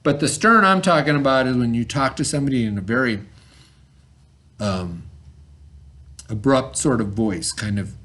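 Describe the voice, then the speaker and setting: In a casual read-aloud and vocabulary lesson for a child, a man takes the role of a schoolteacher, explaining things in a chatty way and checking that the child understands. His voice is medium-pitched and a bit bright, at a normal speed with frequent pauses.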